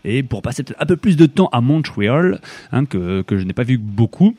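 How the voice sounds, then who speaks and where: A young man from France hosting a radio show, talking casually and haltingly between tracks with lots of fillers and restarts. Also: mid-range voice, sing-song, mellow, husky, no echo.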